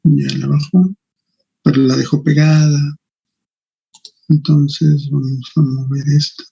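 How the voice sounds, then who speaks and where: A man's voice: a little high, fairly even intonation, slow, gravelly, warm tone, husky, dull audio. A man teaching an online engineering class, thinking aloud and muttering to himself as he works on screen. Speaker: engineering lecturer.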